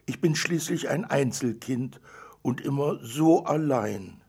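A man's voice: mid-range voice, animated, slow pace, gravelly, a little mellow, breathy edge, pitched above the performer's own voice, full character voice. A man voicing a stubborn little girl who pleads and whines to get her way. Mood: pleading. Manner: wheedling and whiny.

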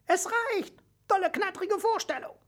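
A man voicing a tiny, brave female mouse with a squeaky, piping voice in a children's story. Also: measured pace, fairly bright tone. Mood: bossy. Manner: piping and eager.

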